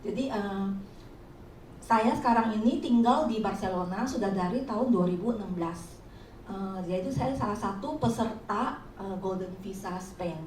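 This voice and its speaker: A woman's voice: medium pitch, normal speed, a little mellow, a little hiss or hum. A middle-aged woman from Indonesia giving an informal talk at a webinar, explaining in a chatty way with frequent hesitations. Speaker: webinar speaker. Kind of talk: informal presentation. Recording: roomy, distant from the mic.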